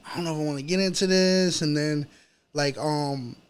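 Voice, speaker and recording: This New Yorker from Chelsea, Manhattan, in his early thirties, has a fairly high, clear and resonant voice and talks at a moderate pace. He's a rapper in an interview, relaxed and slangy with a New York accent, sprinkling in "you know" constantly.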